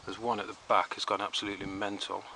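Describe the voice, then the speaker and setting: A man's voice: on the low side, little pitch movement, fast. Easygoing man in his garden. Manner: chatty, rambling, easygoing. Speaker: home gardener. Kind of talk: casual garden tour narration. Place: backyard vegetable garden outdoors. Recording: outdoor noise behind the voice.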